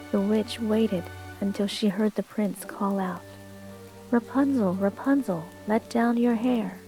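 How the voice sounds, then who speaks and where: Woman storyteller for bedtime reading, soothing, very slow, mellow tone, faint calm music behind. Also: mid-range voice, poor audio. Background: soft calm music and rain.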